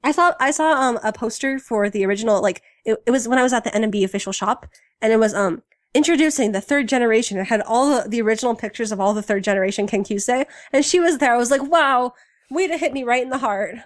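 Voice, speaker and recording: A woman's voice: fairly high pitch, quick pace, dry recording. Chatty, enthusiastic young woman, dry mic. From United States. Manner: chatty and enthusiastic, many fillers. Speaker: podcast co-host. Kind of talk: casual fan podcast chat.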